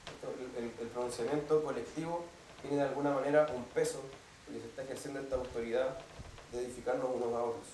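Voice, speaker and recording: Heard through a distant mic in an echoey church hall, with slight background noise, a pastor teaches his congregation step by step. His medium-pitched, darkish voice keeps a quick pace and fairly even intonation, and he often checks understanding with "¿cierto?"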